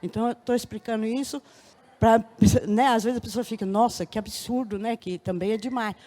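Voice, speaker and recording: A woman with a high voice gives a testimony in church. She tells her story vividly and keeps repeating words. Her emphasis builds as she goes on. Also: steady tone, a little fast, a little mellow. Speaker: church member giving testimony.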